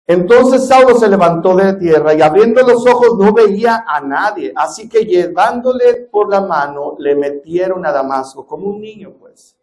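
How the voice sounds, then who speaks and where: A man preaching a sermon as pastor in a church, swinging between loud stresses and hushed drops and asking the congregation questions. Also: high voice, expressive, normal speed, few pauses.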